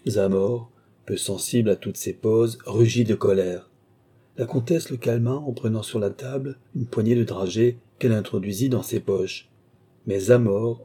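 A man narrating a classic novel aloud with steady, measured storytelling. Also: on the low side, breathy edge. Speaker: audiobook narrator.

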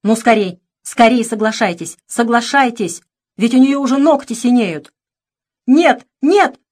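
A woman's voice: mid-range voice, lively intonation, a little fast, lightly acted. A woman reading an audiobook voices a young male country doctor who gives urgent, commanding orders in a raised voice. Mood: urgent pleading.

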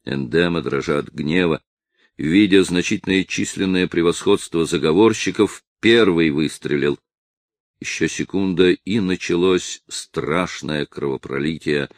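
A male audiobook narrator reads a historical adventure in a dramatic, measured way. His voice sits very low, and the recording is dry and close, with no room sound. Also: no room sound. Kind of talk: scripted narration.

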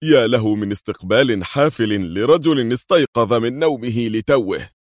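A man's voice: medium pitch, expressive, moderate pace, no room sound, studio quality, voice pushed up, close to an everyday voice. A man voicing a jovial, heavyset male sidekick who teases his captors in a playful, mocking way. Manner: teasing, playful.

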